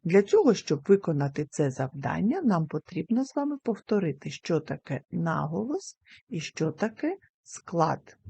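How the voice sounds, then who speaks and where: A woman teacher giving a recorded lesson to young children, speaking slowly and carefully and sounding out words syllable by syllable. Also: on the low side, big pitch swings, creaky, warm tone, slightly rough, no echo. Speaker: primary school teacher.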